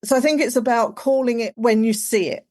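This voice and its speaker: A woman's voice: on the high side, fairly even intonation, a little fast, a little mellow. A woman, chatting casually as a podcast guest, full of "like" and "you know". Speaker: guest, executive coach.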